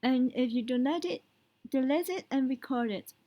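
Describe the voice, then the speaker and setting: A woman teaching English speaking tips, explaining step by step and often checking in with a quick question. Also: high voice, mellow, rough recording. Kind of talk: spoken language lesson.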